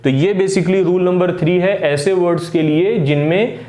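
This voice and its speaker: A man gives an English phonics lesson, his voice sitting fairly high for a man. He talks patiently and pauses often with "uh" fillers. The recording has a noticeable echo from the room. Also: dark tone. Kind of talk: explaining lesson.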